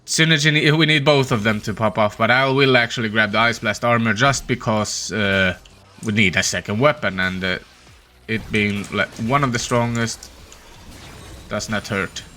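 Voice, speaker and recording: A man hosting a gaming channel, giving casual, tired, low-energy commentary as he thinks aloud while playing. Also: normal speed, pushed and bright. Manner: opens with a put-on peppy intro voice.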